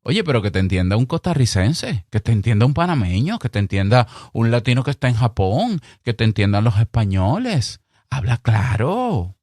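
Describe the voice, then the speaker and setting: A man with a Dominican Spanish accent giving podcast advice in a clear, deliberate, emphatic way, acting out little exchanges. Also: mid-range voice, big pitch swings, darkish tone, no echo, clean studio sound. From Dominican Republic. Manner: emphatic, chatty, mock-acts little dialogues. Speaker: podcast host. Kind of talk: solo podcast advice monologue.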